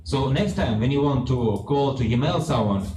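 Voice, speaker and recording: A young man with a strong Russian accent presents a product to a room in simple, halting English. His pitch sits in the middle for a man. The recording is echoey and distant, with clear background noise. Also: expressive, mellow. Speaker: startup presenter. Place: large open office event space, indoors.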